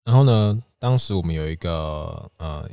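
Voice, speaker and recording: A young man with a Taiwanese Mandarin accent telling his own story as a podcast host, with animated bursts when he acts out his younger self. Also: deep voice, moderate pace, vocal fry, clear, resonant tone, no room sound. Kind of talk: storytelling monologue.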